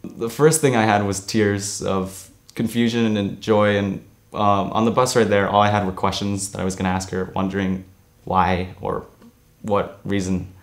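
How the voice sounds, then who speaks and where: A seventeen-year-old young man born in Korea, answering interview questions earnestly with frequent "um" pauses, in a studio. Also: lowish voice, little pitch movement. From born in Korea, raised in New Jersey. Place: studio against grey backdrop.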